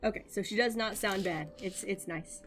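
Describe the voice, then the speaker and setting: A woman streaming a game, chatting casually with viewers, excitable and chatty with quick reactions. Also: medium pitch, soft background music. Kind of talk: casual live-stream chat.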